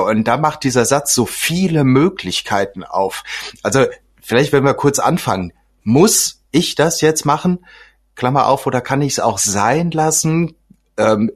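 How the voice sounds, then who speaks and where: A man's voice: mid-range voice, slightly rough. A man, a guest coach on a podcast, explaining ideas in a thoughtful, casual way with frequent fillers.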